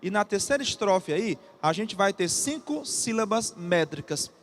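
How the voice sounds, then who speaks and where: A man's voice: high-pitched, expressive. A Brazilian man teaching an exam-prep literature class, reading a poem aloud and then explaining it with frequent checks to the students. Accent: Brazilian Portuguese. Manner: repeats key terms slowly for students to note.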